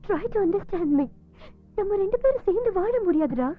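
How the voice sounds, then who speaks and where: A woman's voice: very high voice, animated, normal speed. An actress playing an emotional young woman who scolds and pleads in a film drama. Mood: upset, pleading. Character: young woman torn between two pursuing men. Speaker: film heroine. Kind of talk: Tamil film drama acting. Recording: tinny lo-fi film audio with music. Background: film score music.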